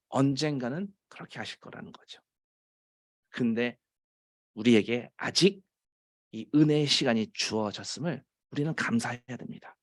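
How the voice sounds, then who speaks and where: Korean man preaching with lively pitch. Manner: swings from emphatic raised lines to low quiet asides; slows and stretches key phrases. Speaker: pastor. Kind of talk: sermon.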